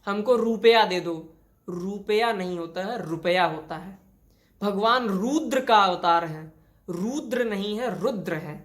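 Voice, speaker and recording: A woman's voice: mid-range voice, unhurried. A woman teaching a grammar lesson, explaining each rule step by step and repeating it with many examples. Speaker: Hindi teacher. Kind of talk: classroom lesson on spelling.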